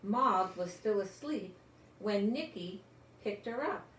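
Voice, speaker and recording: An older woman with a medium-pitched voice reads a children's picture book aloud slowly and with animation. She lingers on words and adds chatty asides, as though talking to small children. It's a roomy home recording with faint noise.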